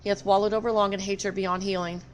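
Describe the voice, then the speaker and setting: A woman's voice: mid-range voice, little pitch movement, quick pace, close to an everyday voice, poor audio. A woman reading aloud a game's solemn, grieving dragon in formal, archaic phrasing. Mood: solemn, reproachful. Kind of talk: reading game dialogue aloud.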